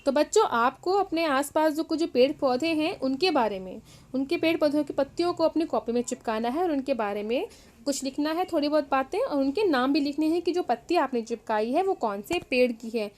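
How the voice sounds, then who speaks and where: A woman's voice: high-pitched, animated, a little fast, a little mellow. A woman teacher explaining a worksheet to young children, patiently repeating words and calling them "children". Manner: patient, repeats each word, addresses "children" often.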